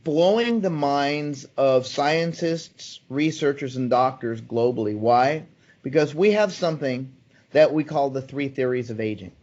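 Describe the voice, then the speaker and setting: At a measured pace, a man in his sixties with a medium-pitched, somewhat mellow voice gives conversational answers as an interview guest. He argues eagerly and persuasively, stumbling into ums and restarts, in a recording that's a little muffled and dull.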